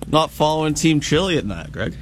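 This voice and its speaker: A man's voice: fairly high pitch, big pitch swings, a little fast, a little hiss or hum. A man co-hosting a radio show, talking in an easygoing way with lots of "like". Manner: easygoing, uses filler "like". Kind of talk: casual radio talk.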